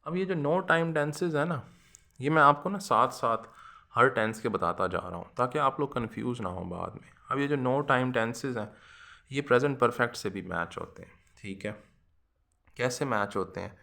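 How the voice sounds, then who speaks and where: A man, teaching English grammar to students in a lecture, checking often that they follow and reading English examples slowly and deliberately. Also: mid-range voice, vocal fry, bright, forceful tone. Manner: addresses students as "janab" and "beta ji", often asks "theek hai". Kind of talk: classroom lecture.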